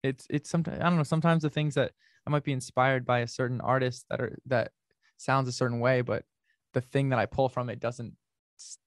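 A young man from North America chats casually about his music as an interview guest, rambling through ideas with many "likes" and restarts. His voice sits at an ordinary middle pitch. The sound is dry and close. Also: steady tone, fairly quick, dry recording.

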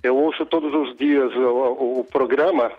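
A man's voice: mid-range voice, steady tone, normal speed. Hesitant male caller over the phone. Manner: hesitant, stammers and restarts. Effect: heard over the phone. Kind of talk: casual call-in complaint. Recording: dull phone-line sound on a radio show.

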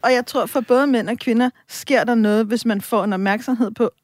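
A woman's voice: a little high, fairly even intonation, a little mellow, dry recording, studio quality. A woman guest on a radio talk show, explaining reflectively and giving examples. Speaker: sexologist guest.

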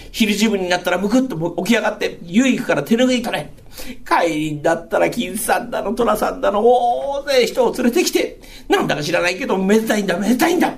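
A man's voice: high voice, creaky, heavily acted. A man doing a patient Edo wife. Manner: soft, chiding, earnest. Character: patient, scolding Edo working-class wife. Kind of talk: rakugo storytelling.

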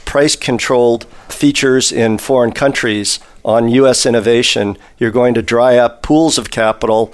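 Man on a panel, mid-pitched voice, rambles a bit with lots of "uh" pauses, sorting his thoughts out loud. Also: fairly even intonation, smooth. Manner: discursive, thinking aloud with many pauses. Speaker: industry executive panelist. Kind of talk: panel interview.

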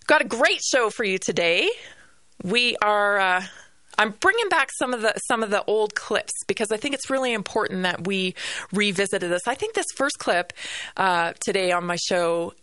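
A woman's voice: mid-range voice, animated, normal speed, bright, forceful tone, no room sound. Canadian lady ranting on her radio show, emphatic, keeps repeating herself, dry close sound. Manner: indignant, emphatic, repeats phrases. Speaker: radio podcast host. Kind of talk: opinion monologue.

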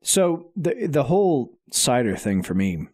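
A man co-hosting a casual podcast, explaining things in a relaxed way and sometimes stumbling over words. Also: medium pitch, measured pace, no echo, studio quality. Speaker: podcast co-host. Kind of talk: casual chat.

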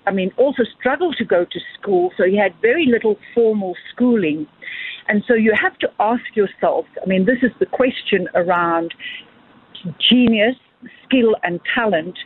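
A woman's voice: mid-range voice, husky. A woman filmmaker answering interview questions at length, earnest and expansive, often repeating words as she thinks. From South Africa. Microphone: phone call. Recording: tinny phone line, dry.

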